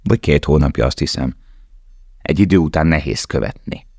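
A man voicing a calm, wry, experienced roofer who gives quiet advice. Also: extremely low pitch, creaky, breathy edge, no echo, clean studio sound, exaggerated voice.

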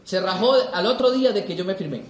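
A young Colombian man gives an emphatic motivational talk to a live audience, packed with repeated rhetorical questions. His voice sits high, with lively intonation and a fast pace, echoing in a hall.

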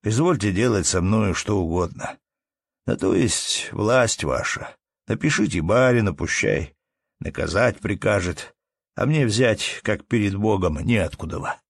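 A man's voice: on the low side, animated, unhurried, creaky, breathy edge, no echo, studio quality, heavily acted. A man voicing a desperate pleading peasant. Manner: pleading, humble, near tears. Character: poor desperate male peasant, pleading and humble. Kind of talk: audiobook character reading.

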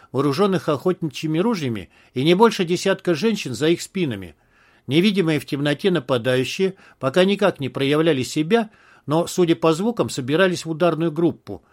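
A man reading an audiobook aloud, narrating the story and raising his voice for the characters' shouts. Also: a little high.

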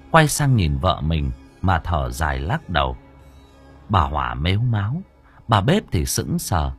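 A man narrating an audiobook story in a dramatic, animated reading. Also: deep voice, husky. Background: faint music.

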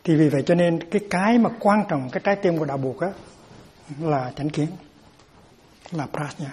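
A man's voice: on the high side, fairly quick, a little mellow, husky. A man giving a Buddhist dharma talk as teacher, explaining terms patiently and often repeating words as he searches for them.

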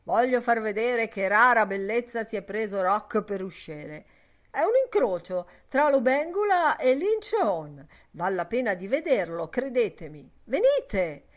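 A woman reading voicing Ben Dollard, a burly, blustering older man with a booming, gruff manner, in an audiobook. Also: very animated, a little slow. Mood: boisterous.

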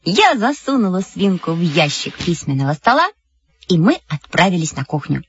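A woman narrating a first-person children's story, animated and expressive. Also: fairly low pitch, moderate pace, slight background noise. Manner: animated, playing a girl narrator. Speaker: audiobook reader. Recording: dull lo-fi with music behind.

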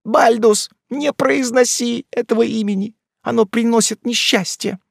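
A man reading an audiobook, putting on the voice of a superstitious fisherman's wife who is shrill and alarmed. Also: expressive, normal speed, vocal fry, no room sound, clean studio sound, full character voice. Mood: fearful warning. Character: frightened superstitious old woman, fisherman's wife.

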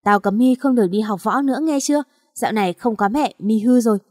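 A woman's voice: fairly high pitch, quick pace, darkish tone, dry recording, clean studio sound, natural voice. A woman voicing a stern, angry father who harshly scolds his young son in an audio story. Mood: furious.

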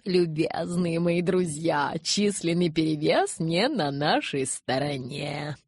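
A woman voicing a slow, courtly vampire elder. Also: low-pitched, animated, darkish tone, no room sound, clean studio sound, full character voice. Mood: measured. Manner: slow, smooth, measured speech.

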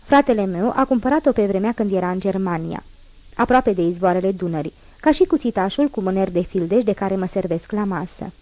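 A woman narrating a classic novel as an audiobook, in a measured, even reading voice. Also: mid-range voice.

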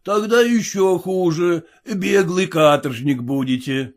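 A man's voice: high voice, slow pace. A man voicing jeering old-time merchants. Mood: mocking. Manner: teasing, mocking banter. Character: jeering bearded merchants, mocking card players.

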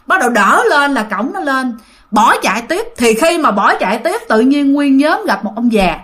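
A woman tells a ghost story in a loose, chatty way, often turning to speak directly to her listeners. Her voice sits high and sounds bright and clear. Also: sing-song, moderate pace. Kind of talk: casual ghost-story narration.

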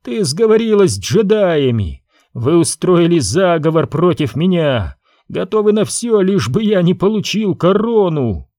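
A man's voice: high-pitched, expressive, unhurried, no room sound, studio quality, voice pushed up. Man doing a furious young prince. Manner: heated, accusing, shouting. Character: proud angry young prince, quick to accuse.

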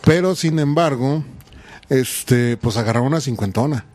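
A man's voice: mid-range voice, normal speed, background noise. Joking Mexican man, podcast banter. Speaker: podcast co-host. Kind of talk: casual chat.

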